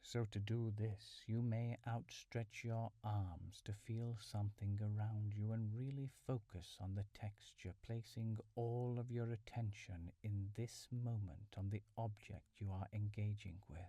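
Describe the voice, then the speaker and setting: A man guides a calm mindfulness meditation in a lowish voice, soothing, measured, and instructional, with soft breathy endings to his phrases. He's in a small furnished room at home, and the recording is dry.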